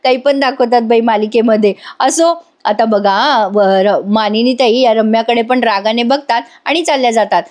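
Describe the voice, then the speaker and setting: A woman's voice: fairly high pitch, moderate pace, hardly any pauses, darkish tone. Chatty woman recapping a serial. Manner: chatty, addressing viewers. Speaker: serial review host. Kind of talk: voice-over episode recap.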